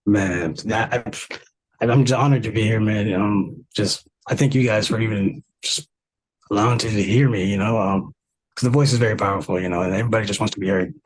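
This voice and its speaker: Man, 30s, from South Sudan, podcast guest; husky, easygoing storyteller with plenty of fillers. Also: on the low side, fairly quick, rough recording. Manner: relaxed, many fillers and restarts, laughs while telling. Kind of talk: casual interview storytelling.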